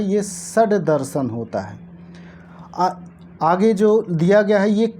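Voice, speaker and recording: A woman teaching an exam-prep lesson, explaining answers to past-paper questions and repeating key words slowly for her viewers. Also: medium pitch, warm tone, a little hiss or hum.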